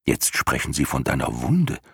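A calm, wise dragon speaks in a very low, husky murmur, as a man reads him in a storybook. He paces his words slowly and sounds hushed and measured. The recording is dry and close. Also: dry recording, heavily acted. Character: calm wise luck dragon, listening and translating.

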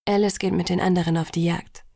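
Woman reader playing a tender young vampire man, lowered soft half-whisper, husky, dry. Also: flat delivery, fast, no room sound.

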